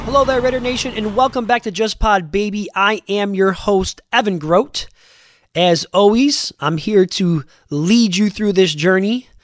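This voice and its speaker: A congested man with a high voice hosts his sports podcast from a close mic in a very dry room. He talks loosely, with plenty of fillers and restarts. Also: no echo. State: congested, under the weather. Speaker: podcast host. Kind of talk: casual podcast talk.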